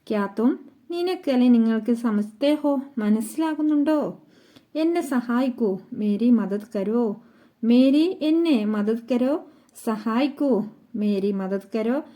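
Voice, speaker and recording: Slow, high-voiced woman teaching phrases. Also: dark tone. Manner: repeats each phrase slowly in two languages. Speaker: language teacher. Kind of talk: slow spoken-language lesson.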